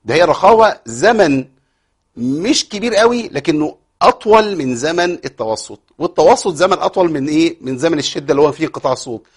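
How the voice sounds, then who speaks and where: An expressive, fast-talking man with a fairly high, breathy voice and an Egyptian accent teaches tajweed as a Quran recitation teacher. He explains rules, raises rhetorical questions only to answer them, and recites examples.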